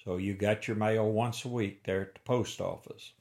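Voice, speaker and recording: A man's voice: on the low side, fairly even intonation, normal speed, vocal fry, a little mellow. An elderly man in his eighties from the rural Missouri Ozarks, with an Ozark Appalachian-style accent, reminiscing in a folksy, plain-spoken storytelling way. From rural Missouri Ozarks, United States. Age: 80s. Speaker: interviewee. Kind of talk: oral history reminiscence.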